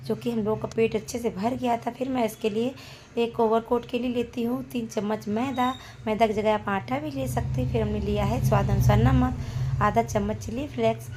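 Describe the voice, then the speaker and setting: A woman's voice: fairly high pitch, darkish tone, a little hiss or hum. A woman, a mother of young children, chatting homely and playfully as she cooks in her home kitchen for her cooking channel. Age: adult, a mother of young children. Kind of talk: casual cooking vlog narration.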